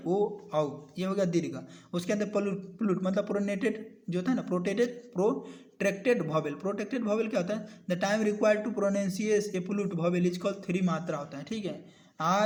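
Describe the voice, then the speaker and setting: A male teacher giving a recorded lecture. He moves between two languages, asks the class questions, and slows right down to dictate definitions. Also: high-pitched. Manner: explains in a mix of two languages and keeps asking the class questions; ends points with a habitual "okay".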